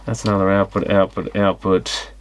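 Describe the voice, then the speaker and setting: A deep, smooth voice with flat delivery and a moderate pace belongs to an electronics repair hobbyist presenting a teardown. He muses and thinks aloud in casual, unscripted commentary as he looks things over.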